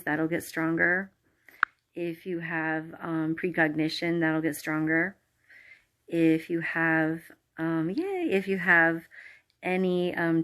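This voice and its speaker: A woman leading a guided imagery meditation, chatty with fillers at first, then soft and slow with calm, hypnotic pacing. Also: sits low. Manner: chatty with fillers before the induction.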